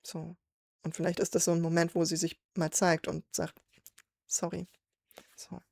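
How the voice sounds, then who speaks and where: A woman's voice: lowish voice, completely flat delivery, moderate pace, creaky, darkish tone. A woman hosting a song reaction, thinking aloud as she explains the lyrics line by line. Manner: thoughtful, reflective, with fillers. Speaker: reaction video host.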